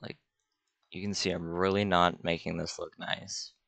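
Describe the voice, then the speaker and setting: A man's voice: deep voice, little pitch movement, moderate pace, vocal fry, fairly bright tone, dry recording. A young man, an art student, casually talking through a screen-recorded drawing tutorial in an offhand, self-deprecating way. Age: young adult.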